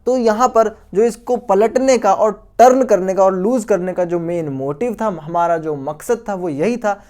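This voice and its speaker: A man's voice: high voice, normal speed, darkish tone. A male science teacher giving a video lecture to school students. He mixes English technical terms into his sentences, repeats key words, calls the students guys, and asks questions that he answers himself.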